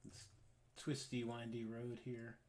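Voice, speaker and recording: A man acting as game master in an online group voice chat, talking in a relaxed, rambling way with lots of fillers. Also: medium pitch, slow pace. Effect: online group voice chat, connection drops out. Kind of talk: narrating a tabletop game.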